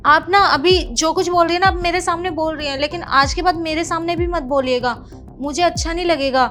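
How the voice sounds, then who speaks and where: A woman's voice: very high-pitched, fairly quick, a bit bright, soft background music. A woman playing a composed young married daughter who answers her mother politely but firmly. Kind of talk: family drama acting.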